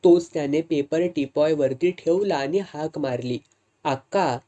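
A woman reading a story aloud in a steady, measured way. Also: low-pitched.

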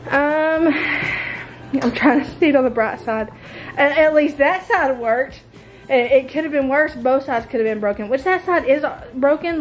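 Holding the camera at arm's length, a U.S. homemaking vlogger talks loosely and meanderingly indoors, in her mobile home's open-plan living room and kitchen. Her voice is high, and the recording has its highs cut off.

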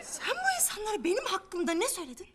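A woman's voice: very high voice, sing-song, quick pace, fairly bright tone, exaggerated voice. An actress playing an exasperated, indignant woman who is being passed off as a husband in a sitcom. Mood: bewildered, indignant. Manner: indignant, protesting at her sister. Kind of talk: sitcom acting.

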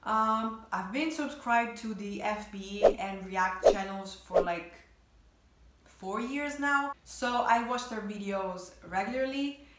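This Italian-accented woman in her twenties speaks slowly at medium pitch, chatting casually to camera for a reaction video. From Italy, the vlogger sits on her bed in a small bedroom. The echoey room sound comes with a noisy background.

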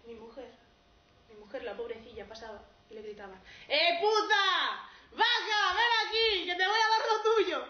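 A woman's voice: on the high side, flat delivery, recorded from a distance, lightly acted. A young woman playing a grieving peasant farmer. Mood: somber. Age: young adult. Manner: broken, halting storytelling. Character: poor grieving male peasant farmer, tragicomic. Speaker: drama student. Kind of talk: stage monologue. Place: theatre stage. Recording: dull, roomy stage recording, noisy.

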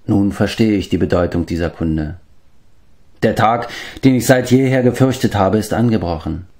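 A man voicing a wise, grave old man who watches over the animals, in a measured, stately storybook manner. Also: on the low side, a little mellow, natural voice.

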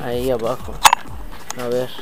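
The recording is very noisy, and this man's mid-range voice comes across completely flat and unhurried. He hosts a motovlog, a Mexican-accented man in his thirties chatting slangily and speaking directly to viewers in an outdoor workshop yard.

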